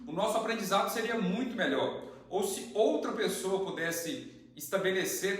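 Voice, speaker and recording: A young man teaching a lesson, explaining step by step with examples and rhetorical questions. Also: high voice. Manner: didactic, steady, uses worked examples and rhetorical questions. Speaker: channel host and study teacher. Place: indoor room with tiled floor. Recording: very echoey room.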